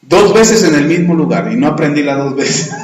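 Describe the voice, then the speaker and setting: A middle-aged man, preaching a sermon in an earnest, animated way, often with rhetorical questions. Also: on the high side, normal speed. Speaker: pastor. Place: church. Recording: very echoey church room.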